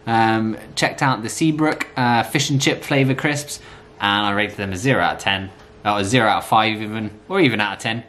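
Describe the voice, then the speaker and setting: Man, thirties, mid-pitched, casual reviewer, halting delivery, noisy camera audio. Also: fairly bright tone. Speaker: snack reviewer. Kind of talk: casual vlog taste test. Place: small plain room indoors. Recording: clear background noise with clicks.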